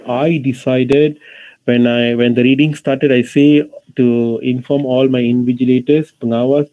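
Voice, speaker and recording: Male Malaysian teacher, colloquial Malaysian English with Malay switches, instructive, addresses the class directly, mid-pitched, thin band-limited audio. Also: phone-quality sound. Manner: didactic, repeatedly addressing the class.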